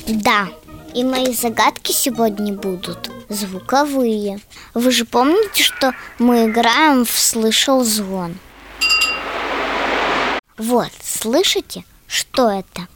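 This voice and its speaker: A woman's voice: fairly high pitch, takes it slowly, music in the background. A woman playing a cheerful young boatswain who explains and quizzes playfully on a children's radio show.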